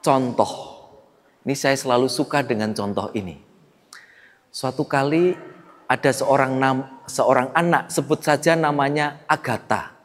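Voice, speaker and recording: A priest giving a sermon, telling stories with acted dialogue and swinging between loud and soft. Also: male voice, medium pitch, a little slow, pauses often. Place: church. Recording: echoey church hall.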